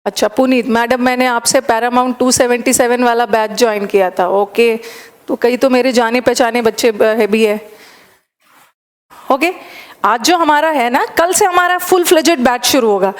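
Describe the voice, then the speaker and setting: A high-pitched woman with an Indian accent talks to her students in a live online class. She is chatty and switches freely between Hindi and English as she reads out student comments. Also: normal speed. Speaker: English teacher.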